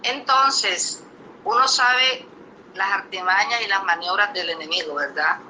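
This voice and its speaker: A woman preacher tells a testimony to her congregation in an emphatic storytelling manner. Her voice is extremely bright and piercing, at a middle pitch. She keeps checking in with the listeners through rhetorical questions. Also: a little slow, slight background noise, low-quality recording. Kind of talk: testimonial sermon.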